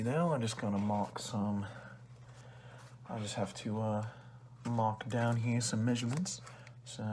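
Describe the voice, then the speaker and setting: A man's voice: lowish voice, background noise, natural voice. A man playing a rude, condescending librarian who sells used books, in an ASMR role-play with chummy but insulting salesman-like patter. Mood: condescending, bargaining. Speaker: ASMR performer.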